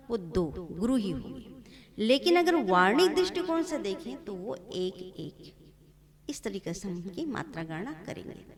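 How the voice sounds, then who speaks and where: A woman teaching a lesson on Hindi poetic meter, patiently counting syllables out one by one. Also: a little high. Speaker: poetry teacher. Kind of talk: slow spoken lesson on Hindi verse meter.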